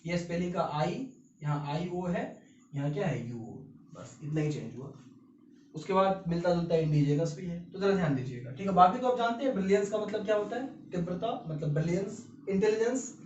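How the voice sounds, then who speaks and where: A man's voice: high-pitched, lively intonation, brisk, darkish tone. A man giving a vocabulary lecture, emphatic and often checking that students follow. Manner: emphatic, repeatedly checks understanding. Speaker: vocabulary teacher. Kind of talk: classroom lecture. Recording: roomy, distant, dull lo-fi sound.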